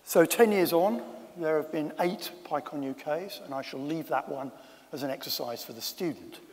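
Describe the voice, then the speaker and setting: A man's voice: on the high side, moderate pace, a little mellow. A man giving a conference talk with wry, self-deprecating asides. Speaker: conference speaker. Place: conference room. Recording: long hall reverb.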